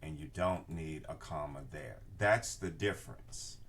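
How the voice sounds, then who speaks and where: In a casual screen-share lesson, shown as a video inset against bookshelves indoors, an older research class instructor talks in a rumbling low voice. His tone is fairly bright and slightly rough, his delivery unhurried. He explains as he goes and frequently makes sure his audience keeps up.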